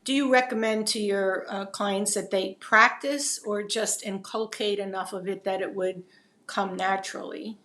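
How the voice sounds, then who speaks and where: A woman with a New Jersey accent hosts an interview, thinking aloud in long, meandering sentences full of "you know" and "um." Her voice sits at an average pitch for a woman. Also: steady tone, unhurried, fairly bright tone, slight background noise. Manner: rambling, musing, full of fillers. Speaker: podcast host. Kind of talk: conversational interview.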